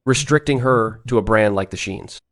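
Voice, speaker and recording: A man's voice: on the low side, normal speed, dry recording, close to an everyday voice. A man playing a provocative, protective designer in an English-dubbed drama, teasing and assured. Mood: challenging. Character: smooth-talking, provocative male designer, protective senior colleague.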